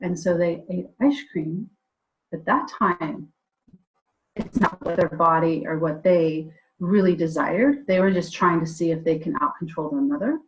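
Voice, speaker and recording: Co-host, woman with a lower voice, chatty storyteller on a remote call. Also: measured pace, a little hiss or hum, rough recording. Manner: tells stories with quoted dialogue. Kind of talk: casual podcast chat. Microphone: remote call mic. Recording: audio dropouts on a call.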